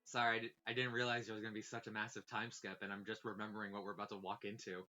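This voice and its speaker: A man with a somewhat low but bright, forceful voice reads game narration aloud with expressive delivery. Between passages he drops into casual, swearing chat. Soft game music plays behind him. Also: rapid-fire, dull audio. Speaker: let's play host reading a visual novel aloud. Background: faint game music.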